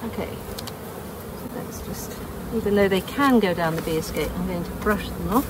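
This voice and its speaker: An older woman beekeeper in a garden chats delightedly to a nearby camera while demonstrating each step of her work in a hands-on vlog, exclaiming as she goes. Her voice is on the low side at a moderate pace, and she wears a bee veil. Outdoor noise and buzzing bees fill the recording.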